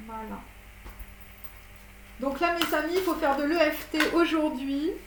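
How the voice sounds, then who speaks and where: A woman's voice: high-pitched, measured pace. A woman giving a casual tarot reading to viewers, rambling with many fillers and restarts. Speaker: tarot reader. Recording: echoey room with faint noise.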